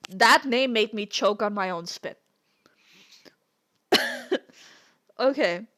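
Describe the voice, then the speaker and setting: A woman on a live stream chats and reads aloud, breaking into giggles and poking fun at herself. Her voice is fairly high and her pace slow and easygoing. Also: huge pitch swings, fairly bright tone. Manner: giggly, self-mocking, laughs often. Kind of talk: casual live-stream chat, reading a story aloud.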